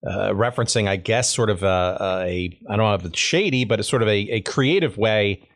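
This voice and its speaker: Male podcast host, lowish voice, hesitant, lots of uhs. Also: a little fast. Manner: hesitant, many uhs and restarts. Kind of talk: interview conversation.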